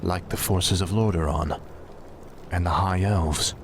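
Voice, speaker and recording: An actor playing a cold, arrogant fallen prince turned undead death knight, menacing and formal, in a fantasy game cutscene. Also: male voice, deep voice, measured pace, background noise. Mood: impatient.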